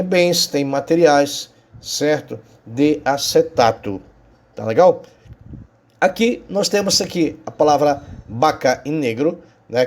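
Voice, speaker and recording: A man's voice: medium pitch, a little mellow. A man with a Brazilian Portuguese accent teaches a recorded Spanish lesson. He explains each point patiently and keeps checking in with his students.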